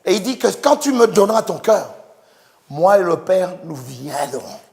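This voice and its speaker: High-voiced man preaching fervently, slow and echoey. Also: lively intonation. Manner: fervent preaching, swings from hushed to shouting. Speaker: pastor. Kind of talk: sermon. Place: church. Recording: echoey church hall with congregation.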